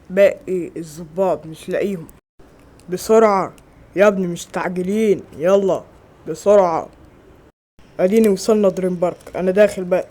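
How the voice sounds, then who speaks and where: A man with an Egyptian accent doing a comic sketch, excitable and yelling in panic. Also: sits high. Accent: Egyptian Arabic. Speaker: comedy sketch performer. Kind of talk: comic sketch on amusement park rides. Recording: loud music and crowd behind the voice.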